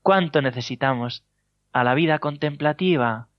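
Spanish priest preaching with playful humor. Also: male voice, a little high, moderate pace, no echo. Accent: Spain Spanish. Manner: humorous storytelling with chuckles. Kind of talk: sermon. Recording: dull lo-fi dry sound.

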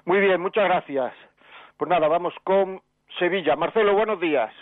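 A man's voice: sits high, normal speed, dry recording. Radio host guy giving fatherly advice to callers, dry tinny sound, lots of "pues". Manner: gentle, fatherly advising with many fillers. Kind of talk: call-in advice talk. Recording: narrow phone-like broadcast sound.

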